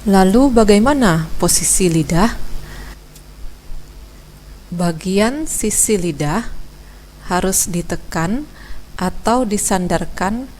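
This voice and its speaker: A woman teaching Quran recitation from Indonesia, explaining letter sounds slowly and demonstrating them. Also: mid-range voice, expressive, a little mellow, slight background noise. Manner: slow, measured, demonstrating sounds. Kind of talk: instructional explanation.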